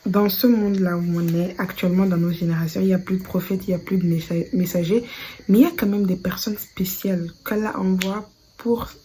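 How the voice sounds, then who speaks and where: A woman from Africa with a Cameroonian French accent, talking casually to camera in a commentary video and sometimes slipping into soft whispered asides. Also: mid-range voice, fairly even intonation, brisk, a little hiss or hum, poor audio. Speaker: video creator commenting on Quran reciters.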